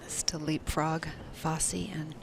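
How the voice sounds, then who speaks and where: Male golf commentator, high voice, measured analytical delivery, noisy outdoor crowd. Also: level tone, vocal fry. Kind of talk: live golf tournament commentary. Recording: crowd and outdoor noise behind. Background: spectators and outdoor course ambience.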